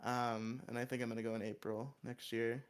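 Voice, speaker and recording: A man in the middle pitch range co-hosting a loose podcast conversation. He jokes, swears freely and laughs often. His voice jumps sharply higher when he gets excited. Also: brisk, clear, resonant tone. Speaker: podcast co-host. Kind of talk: casual podcast chat.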